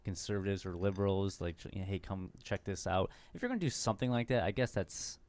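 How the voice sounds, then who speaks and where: A man's voice: deep voice, fast, darkish tone. A man co-hosting a casual podcast chat, rambling with many fillers. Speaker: podcast co-host.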